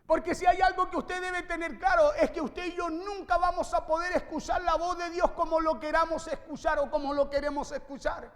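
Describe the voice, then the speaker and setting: A man preaches an impassioned sermon to a congregation in a large, reverberant hall, exhorting listeners and repeating phrases for emphasis. His very high, fairly bright voice shows little pitch movement and runs a little fast with hardly any pauses.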